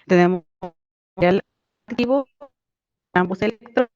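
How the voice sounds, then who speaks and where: A woman's voice: mid-range voice, a little slow. A woman giving an online lecture, her voice choppy and breaking up over a bad internet connection. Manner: explanatory, steady, with hesitant fillers. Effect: choppy, breaking-up internet audio. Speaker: researcher giving a talk. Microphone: video call. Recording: dull lo-fi video call line.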